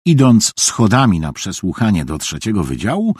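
A man narrating an audiobook in an expressive storytelling manner. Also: on the low side, moderate pace, slightly rough, dry recording, studio quality.

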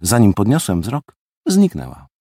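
A man reading a first-person audiobook story with lively, expressive delivery. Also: lowish voice, normal speed, no echo, studio quality. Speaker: audiobook narrator.

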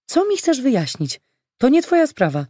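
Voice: medium pitch, animated, unhurried, mellow, dry recording, clean studio sound. An audiobook reader voicing a frightened, angry young woman who snaps back in a raised, exasperated voice.

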